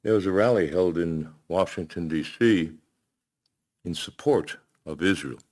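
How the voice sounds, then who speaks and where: A man preaching a sermon to his congregation, measured and emphatic, with pauses. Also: sits low, darkish tone. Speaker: pastor.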